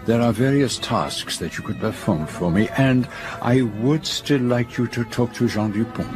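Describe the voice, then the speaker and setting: Over music, an actor in a radio drama plays a courteous, theatrical older Belgian detective, speaking with a French-speaking Belgian accent in a formal, precise, deliberate way. His voice is male, medium-pitched and natural.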